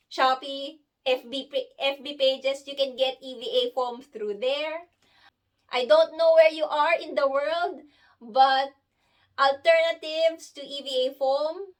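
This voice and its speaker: A woman in her thirties, giving a chatty, giggly crafting tutorial and correcting herself as she goes. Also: high-pitched. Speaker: cosplay crafter. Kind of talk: casual tutorial.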